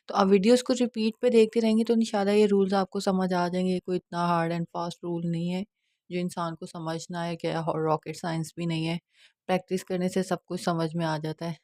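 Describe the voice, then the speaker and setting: A woman teaching Quran recitation in an online lesson, patient and reassuring, often checking that the listener follows and drawing out each letter sound slowly with stress. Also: on the low side, a little mellow, no room sound, clean studio sound.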